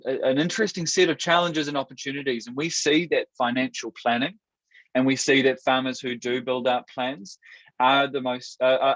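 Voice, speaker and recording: A New Zealand man with a Kiwi accent hosts a product webinar over a video call, speaking at medium pitch in an upbeat, steady way with the occasional restart. The audio is dry and somewhat dull, with no room sound.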